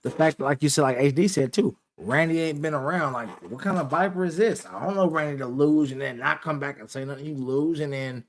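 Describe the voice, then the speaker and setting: A man's voice: fairly high pitch, brisk, hardly any pauses. A man co-hosting a live stream, chatting loosely about wrestling in slangy, filler-heavy talk. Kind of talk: casual wrestling chat.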